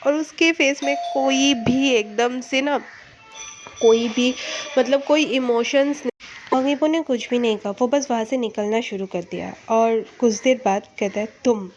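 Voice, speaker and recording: A woman's voice: on the high side, unhurried, a little hiss or hum. A woman casually retelling a fanfiction story in a chatty way, with many fillers. The recording is muffled and lo-fi.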